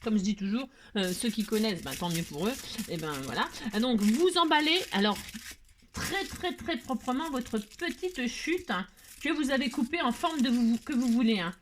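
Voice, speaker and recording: Chatty French-speaking woman host, rather high. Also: expressive, fairly quick, a little hiss or hum. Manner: chatty, self-mocking, rambling with laughs and asides. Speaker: crafting tutorial host. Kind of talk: casual craft tutorial chat.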